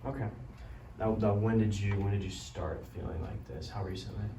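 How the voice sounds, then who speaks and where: A man playing a caring doctor who breaks bad news gently, apologetically and haltingly in a role-played consultation. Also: fairly low pitch, close to an everyday voice. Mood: polite, attentive. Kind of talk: amateur role-play of a medical consultation. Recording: roomy, distant mic, loud background noise.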